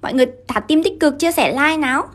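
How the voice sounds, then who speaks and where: High-voiced Vietnamese woman teaching English. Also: animated. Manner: brisk, keeps asking students to confirm. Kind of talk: live-streamed grammar lesson.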